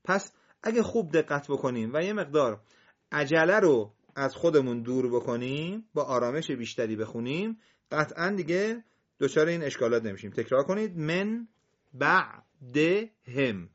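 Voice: medium pitch, lively intonation, muffled recording. A Quran recitation teacher giving a patient lesson, spelling out words syllable by syllable for a student.

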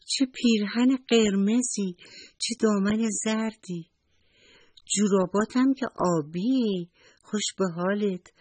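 A woman voicing an excitable little mouse child who squeals and stretches out her words. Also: medium pitch, breathy edge, no room sound, voice pushed up, lightly acted. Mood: excited. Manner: squealing, drawn-out, childlike calls.

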